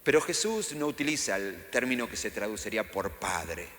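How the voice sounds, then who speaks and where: A middle-aged pastor with a Rioplatense Spanish accent preaches in an echoey church hall with faint ambience, acting out quotes with sudden raised voices. His voice is lowish, expressive and a bit bright, at a moderate pace, with a little hiss or hum.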